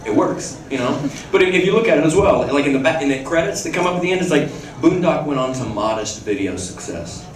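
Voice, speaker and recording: A man's voice: a little high, quick pace, a crowd in the background. A man telling casual anecdotes at a fan Q&A, swearing freely, laughing and restarting his sentences. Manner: profane, laughing, restless storyteller with many restarts. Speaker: guest actor at a fan Q&A. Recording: echoey hall from far off with ambience.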